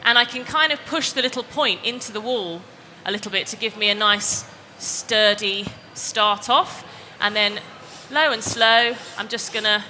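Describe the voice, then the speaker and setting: A woman's voice: mid-range voice, bright, forceful tone. A woman, presenting a live DIY demonstration and explaining each step in a chatty way. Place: exhibition hall stage. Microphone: headset or lapel mic. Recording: reverberant hall, faint background noise.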